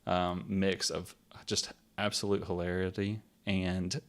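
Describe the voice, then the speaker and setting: Speaking slowly in a deep voice with little pitch movement, a man co-hosts a gaming podcast. His casual explanation of a game wanders, peppered with "like," "um," and an odd laugh.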